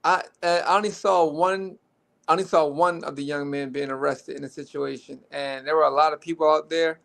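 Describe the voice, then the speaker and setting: Gravelly young Baltimore man. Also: on the high side, brisk. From Baltimore, Maryland. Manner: relaxed, rambling with restarts. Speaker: guest. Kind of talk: casual storytelling chat.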